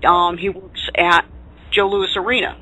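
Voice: mid-range voice, flat delivery, unhurried, bright, forceful tone, low-quality recording. A host of a live group talk show, chatting and introducing people with a showman's flourish.

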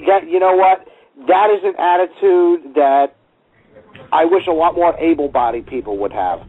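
A man's voice: a little high, normal speed. Man on a tinny phone line. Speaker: show panelist calling in.

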